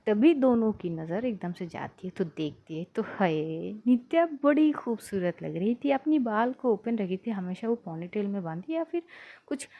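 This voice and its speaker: A woman's voice: mid-range voice, very animated, moderate pace, lo-fi sound. A woman narrating a love story in a casual, chatty retelling, as a storyteller.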